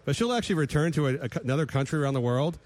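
A man co-hosting a casual comedic chat, animated and laughing often. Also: a little high, rapid-fire. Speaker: podcast co-host.

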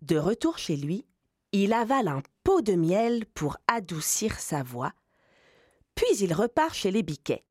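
A woman narrating a children's fairy tale in a scripted audio series, switching to high voices for the little goats. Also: a little slow, slightly rough, dry recording, studio quality. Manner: expressive, playing small voices high. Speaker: storyteller.

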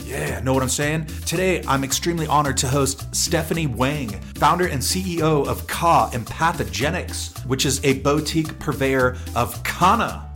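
High-voiced man hosting an upbeat podcast. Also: moderate pace, hardly any pauses, a bit bright, soft background music. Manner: exuberant, slangy greetings sprinkled with foreign phrases. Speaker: podcast host. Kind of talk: upbeat podcast intro and interview.

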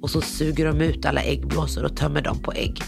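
Woman, 30s, gravelly voice, frank personal storytelling over background music, acts out dialogue. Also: sits low, flat delivery. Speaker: guest telling her own story. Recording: music playing underneath.

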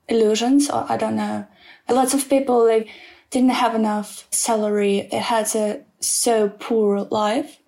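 A young woman in her twenties speaks English with a Ukrainian accent, choosing her words carefully. Her delivery is slow and unhurried, with pauses and restarts as she answers an interviewer's questions. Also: mid-range voice, darkish tone, poor audio. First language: Ukrainian or Russian. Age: 20s. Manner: careful, halting non-native English with pauses.

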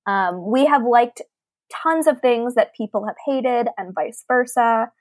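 A podcast co-host with a higher-pitched, slightly slow voice reads listener emails and chats about books, articulate and conversational throughout. The recording is dry and studio quality.

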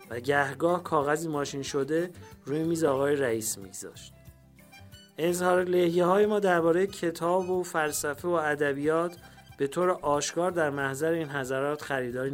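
A man with a fairly high voice reads a literary memoir aloud in a measured, unhurried way. A soft bed of music plays quietly under his narration. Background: faint background music.

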